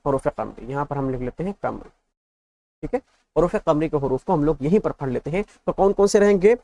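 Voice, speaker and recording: A man's voice: a little high, expressive, fairly quick, mellow. A male teacher giving an exam-prep lesson, patiently drilling letters in repeated lists and asking the class check questions.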